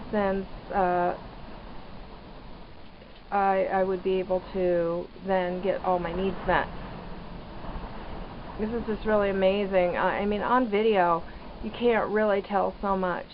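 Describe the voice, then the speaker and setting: A woman giving rambling, hesitant, casual vlog commentary from inside a small trailer, pausing mid-sentence. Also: mid-range voice. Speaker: vlogger living off grid in a trailer. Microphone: handheld camera microphone. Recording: dull lo-fi camera audio, background noise.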